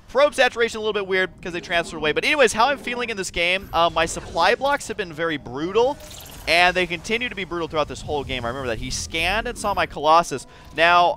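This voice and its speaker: A man's voice: on the high side, pushed and bright. A man giving casual game commentary, explaining his thinking in a restless way with frequent restarts. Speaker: host.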